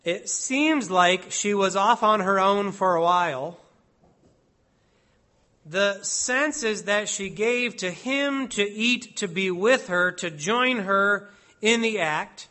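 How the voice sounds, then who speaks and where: A man preaching an expository sermon, slow and deliberate, stressing each word as he reads out Hebrew and Latin phrases. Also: high-pitched, bright, forceful tone.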